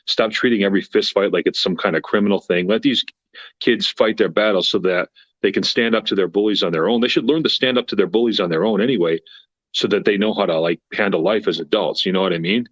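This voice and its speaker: A man's voice: on the low side, quick pace, no room sound, lo-fi sound. A man in his twenties calling in to a podcast, speaking bluntly and emphatically in casual chat. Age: 20s. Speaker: caller.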